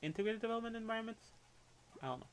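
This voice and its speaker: A young adult from Puerto Rico, with a Puerto Rican accent, chats and rants on a livestream, candid and opinionated, quick to go off and swearing casually. His voice is high and expressive, with slight background noise.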